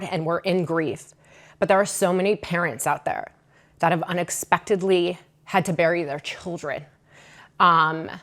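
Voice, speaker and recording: A woman hosting a podcast, speaking in a heartfelt, measured way with fillers such as "um" and "you know". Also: on the low side. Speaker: podcast host. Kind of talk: podcast intro.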